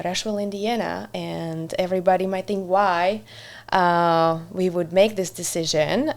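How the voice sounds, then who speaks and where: Woman, smooth lowish voice. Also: a little mellow. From Slovakia. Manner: friendly, frequent "uh" pauses, laughs easily. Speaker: podcast guest, community center director. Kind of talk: casual interview chat.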